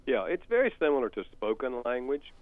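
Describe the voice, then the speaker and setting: An older man from North Carolina with a Southern US accent appears as an author and counselor guest on a talk show, explaining things in a folksy, storytelling way. His mid-range voice is very animated and fairly quick. The sound is tinny, like a phone.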